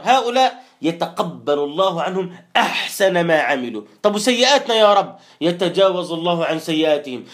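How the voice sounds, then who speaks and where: High-voiced earnest teacher. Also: male voice. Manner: recites verses slowly and drawn out, then explains briskly; earnest, exhorting listeners directly. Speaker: Quran teacher. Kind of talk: verse-by-verse Quran commentary.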